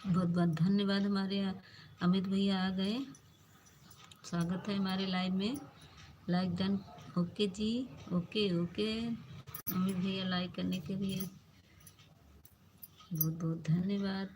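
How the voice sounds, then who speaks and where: A woman's voice: medium pitch, flat delivery, takes it slowly, pauses often, a little mellow, a little hiss or hum. A woman hosting a casual phone live stream, greeting viewers by name and teasingly scolding them. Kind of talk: casual live-stream chat reading comments.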